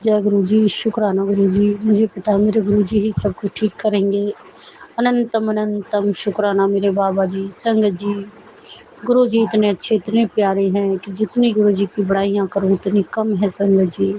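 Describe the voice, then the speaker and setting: A middle-aged woman with a slightly hoarse throat, sharing a devotional testimony and praying, repeating her thanks in a soft, prayerful cadence. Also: medium pitch, level tone, moderate pace, lo-fi sound, slight background noise.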